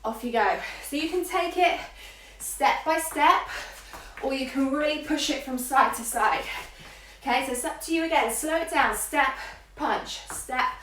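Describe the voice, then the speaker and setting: A woman's voice: sits high, a little slow, fairly bright tone. A woman working as an aerobics instructor, calling out moves and counts in short, encouraging cues during a live workout. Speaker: fitness instructor leading a live workout class. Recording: echoey room, far from mic, faint noise.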